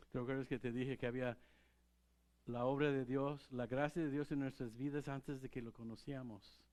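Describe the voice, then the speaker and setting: A man's voice: medium pitch, flat delivery, a little slow, pauses often, darkish tone. A man preaching a sermon as pastor, talking in a conversational way and putting questions to the congregation. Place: church.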